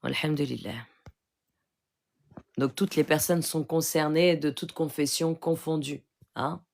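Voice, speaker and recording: A woman's voice: deep voice, steady tone, unhurried, darkish tone. A woman from Morocco, a spiritual healer talking casually on a phone live stream and teaching earnestly, often checking in with her listeners. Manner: earnest and instructive, keeps checking in with "d'accord?".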